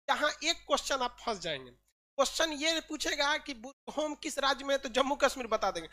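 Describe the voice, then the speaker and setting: A woman's voice: sits high, pushed and bright. A woman teacher running an exam-prep lesson, quizzing students with repeated questions and joking asides.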